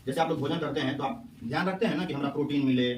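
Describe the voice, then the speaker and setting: Man, teacher, rapid call-and-response lecture, fairly high voice, echoey room, distant mic. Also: slight background noise. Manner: quizzing students with repeated questions. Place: classroom.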